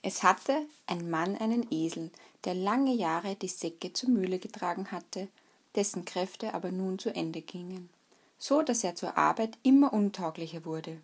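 A woman reading a fairy tale aloud in a calm, measured way. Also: fairly low pitch, slightly rough. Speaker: storyteller.

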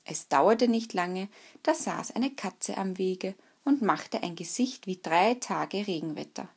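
A woman tells a fairy tale at an even, measured pace. Her voice sits in a middle pitch and has a breathy, husky texture. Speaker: storyteller.

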